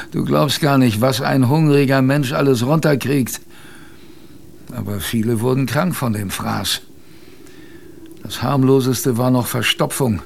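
Voicing a wry, plain-talking sailor in a radio drama, the man tells his expedition story colloquially in first person, addressing the listener directly. His mid-range voice is a little slow, with vocal fry and long pauses. Faint ambience and a little hiss or hum run underneath.

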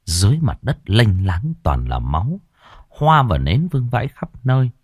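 Male storyteller, deep voice, very lively intonation, dry close sound, scripted horror narration. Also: moderate pace, breathy edge, no room sound.

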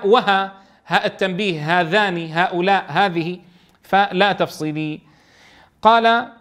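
High-voiced man teaching a Quran lesson. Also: fairly bright tone, clear, resonant tone. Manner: reads quoted text slowly, then explains quickly, often checking with listeners. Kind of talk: explaining a classical text in a lesson.

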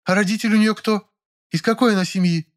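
A man's voice: sits high, steady tone, quick pace, pitched above the performer's own voice, close to an everyday voice. A man playing a stern, overbearing middle-aged mother. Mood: indignant. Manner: strict, categorical, interrogating.

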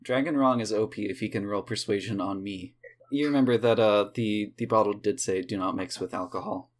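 A man narrating as game master in a relaxed, filler-heavy way. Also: lowish voice, fairly quick.

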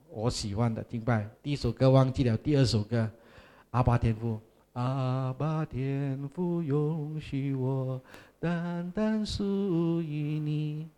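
A middle-aged man, a pastor with a Malaysian Chinese accent, telling his conversion in an animated, dramatic sermon and mixing in English words. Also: mid-range voice. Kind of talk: testimony sermon. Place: church hall.

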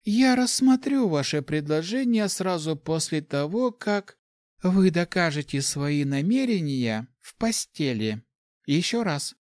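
A man's voice: fairly high pitch, expressive, unhurried, darkish tone, dry recording, pitched above the performer's own voice. A man voicing a young female necromancer who teases and plays a noble lady. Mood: teasing. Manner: mock-noble, teasing.

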